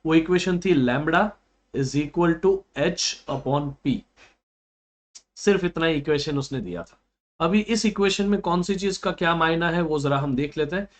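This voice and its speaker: Indian male physics tutor, a bit high-pitched, code-switching, answers his own questions. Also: a little slow. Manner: answers his own questions to students, calling them "beta"; mixes Hindi and English. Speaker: physics teacher. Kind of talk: exam-prep physics lesson.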